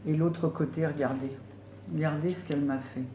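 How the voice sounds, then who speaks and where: Brief: gushing woman vlogger, mellow warm tone, roomy room echo. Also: deep voice, steady tone, normal speed, slight background noise. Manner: effusive, exclaiming with delight, many fillers. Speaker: vlogger unboxing gifts. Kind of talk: casual unboxing chat. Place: home room. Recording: roomy home recording.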